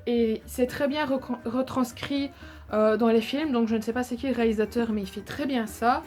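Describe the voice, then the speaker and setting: Young woman, vlog host, fairly high voice, gushing and rambling about favorites. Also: steady tone, normal speed, darkish tone. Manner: enthusiastic, rambling with many fillers. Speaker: YouTuber.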